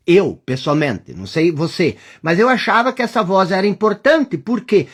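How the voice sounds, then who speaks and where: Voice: medium pitch, slightly rough. A teacher with a Brazilian accent gives a reflective lesson, addressing the listener directly and repeating rhetorical questions. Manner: speaks directly to the listener, sometimes dropping to a hush. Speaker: course teacher.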